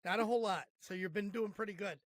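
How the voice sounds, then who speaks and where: A man with a somewhat high voice hosts a podcast interview, friendly and prone to winding questions. His voice sounds close and dry, with no room around it. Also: fast, no room sound. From Chicago area. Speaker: podcast host. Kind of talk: conversational interview.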